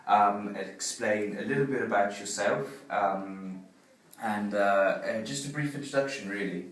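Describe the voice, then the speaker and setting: Low-voiced male host in an echoey room. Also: a bit bright. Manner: friendly, rambling, heavy with ums. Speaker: radio presenter, interviewer. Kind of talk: interview hosting. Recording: echoey room, distant mic.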